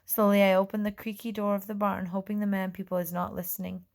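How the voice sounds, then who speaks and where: A woman narrating a children's storybook in the first person, in a gentle, measured way. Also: mid-range voice, little pitch movement, vocal fry. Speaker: audiobook reader.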